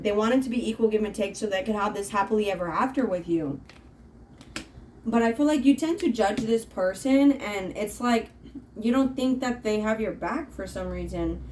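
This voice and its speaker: A woman's voice: mid-range voice, a little mellow, slight background noise, rough recording. A woman reading tarot cards in a casual, rambling monologue with plenty of fillers. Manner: chatty, rambling, frequent fillers. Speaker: tarot reader.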